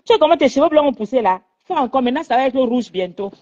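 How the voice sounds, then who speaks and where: A woman's voice: sits high, lively intonation, fast talker, a little mellow. A woman calling into a live stream, insistently soothing and scolding. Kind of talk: pleading phone call into a live stream. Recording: dull lo-fi phone audio.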